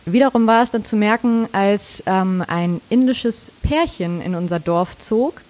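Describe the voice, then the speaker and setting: A woman's voice: medium pitch, measured pace, darkish tone. A woman co-hosting a podcast who talks earnestly and reflectively in a casual chat. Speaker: podcast co-host.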